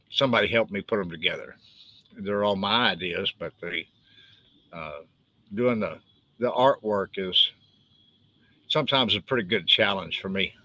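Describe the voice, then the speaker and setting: This is a rough, dry recording with no room sound, featuring an older author from West Texas chatting casually on a live stream about his books. He talks in a lowish, pushed, bright voice, twangy and folksy as he rambles.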